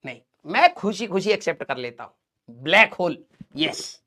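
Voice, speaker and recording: A man runs a live online class in a fairly high voice, chatting and poking fun at his students. His delivery is loose and joking, a teacher ribbing the class between topics. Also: big pitch swings, normal speed, pushed and bright. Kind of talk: casual live-class banter.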